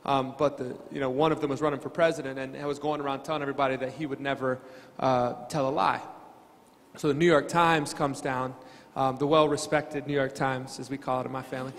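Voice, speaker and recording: A man's voice: mid-range voice, level tone, brisk. A man on a panel telling anecdotes with frequent restarts. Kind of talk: storytelling on a panel. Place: lecture hall. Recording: reverberant hall, faint ambience.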